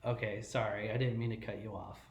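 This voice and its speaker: A man's voice: lowish voice, steady tone, brisk. Male podcast co-host, exasperated and defensive, salty language, echoey room. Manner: defensive, exasperated, swears often. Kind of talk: casual podcast banter. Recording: roomy echo.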